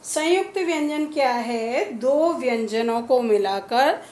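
Woman teacher with a Hindi accent, higher pitch, slow and patient, echoey room. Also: expressive, a little mellow. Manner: slow, patient, repeats sounds one by one. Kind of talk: classroom lesson on pronunciation. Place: school classroom.

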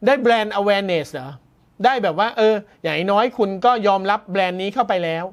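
A male tech news host talks through the story in a loose, conversational way. He sounds amused and chuckles often, slowing down when he reads out technical terms. The delivery is casual and reactive, not scripted. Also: high-pitched, expressive. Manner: chatty and amused, laughs often, mock-shouts.

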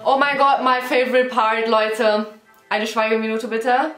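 A woman's voice: fairly high pitch, little pitch movement, measured pace, fairly bright tone. Gushing woman reacting with echo. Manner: gushing, mixes English exclamations into her talk. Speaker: reaction video host. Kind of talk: excited reaction commentary. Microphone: headphones on, desk mic. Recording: roomy echo with faint music behind.

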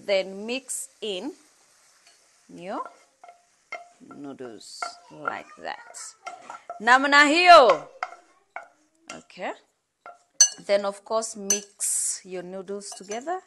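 Slow-talking Kenyan woman cooking at home. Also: mid-range voice, very animated, background noise. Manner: chatty, mixing English with Swahili phrases. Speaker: cooking show host. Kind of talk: casual cooking demonstration. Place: bright home kitchen, indoors.

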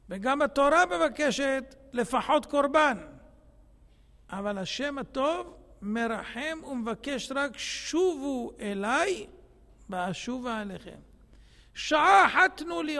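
High-voiced preacher man in an echoey hall. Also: vocal fry. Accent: Israeli Hebrew. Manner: rhetorical, repeats phrases, swings from quiet to shouting. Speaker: rabbi preacher. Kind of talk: sermon. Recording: echoey hall with long reverb.

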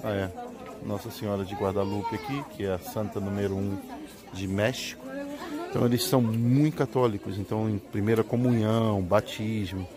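On a handheld phone, a middle-aged Brazilian man vlogs his walk through a large indoor swap meet in casual tour narration, the market crowd bustling behind. He speaks at a moderate pace with a fairly low pitch and fairly even intonation.

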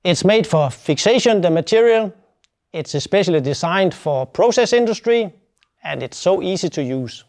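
Speaking at normal speed, a welding specialist in his fifties takes listeners through a product tutorial in plain, methodical steps. His high voice is expressive and a little mellow, recorded via lapel mic.

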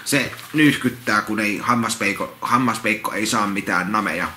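A man reading a children's picture book aloud, rambling into repetitive, halting asides and restarts. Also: fairly low pitch, bright, forceful tone. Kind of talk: casual read-along with rambling commentary. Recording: roomy echo, faint background noise.

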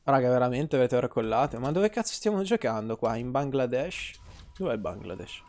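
A man's voice: medium pitch, big pitch swings, fairly quick, a little mellow. A man, streaming gameplay and ranting at his chat, swearing freely and teasing. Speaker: game streamer. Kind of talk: casual live-stream gameplay commentary.

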